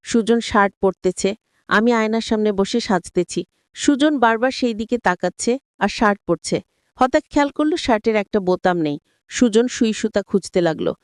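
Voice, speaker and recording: A woman's voice: medium pitch, expressive, moderate pace, clean tone, dry recording, studio quality. A woman narrating a first-person story and addressing her listeners directly.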